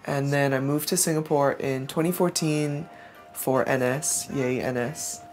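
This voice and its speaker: A man in his twenties from Hong Kong speaks in a middle-pitched voice, candid and wry with a brisk delivery. He talks as a songwriter in a documentary interview, with faint music underneath. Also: fairly even intonation. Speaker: singer-songwriter.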